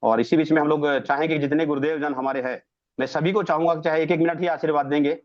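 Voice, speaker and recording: A man's voice: fairly high pitch, steady tone, quick pace. A man hosting an online webinar, introducing guests with effusive, ceremonial praise over a video call. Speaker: webinar host. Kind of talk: formal event hosting. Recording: muffled video call audio.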